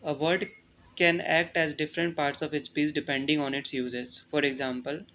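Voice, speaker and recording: A young Indian man teaching an exam-prep lesson, reading English definitions slowly, then explaining them in Hindi. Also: fairly high pitch, level tone, bright, forceful tone, a little hiss or hum.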